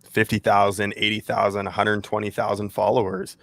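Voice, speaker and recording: A man's voice: lowish voice, level tone, vocal fry, fairly bright tone, dry recording. A Canadian man hosting a podcast, upbeat and joking as he leads the chat. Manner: upbeat, joking, quick to laugh. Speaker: podcast host. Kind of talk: casual chat and read ad spot.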